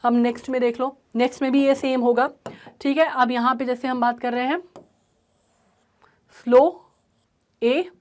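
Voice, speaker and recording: Woman teacher with a high voice, explains a poem step by step and keeps checking in with her students. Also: fairly even intonation, normal speed, long pauses. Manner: repeats "ठीक है" often, mixes English terms into Hindi.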